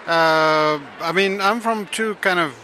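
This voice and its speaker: A man's voice: high-pitched, takes it slowly, pushed and bright, slight background noise. A man from Tunisia answering hesitantly, with many fillers.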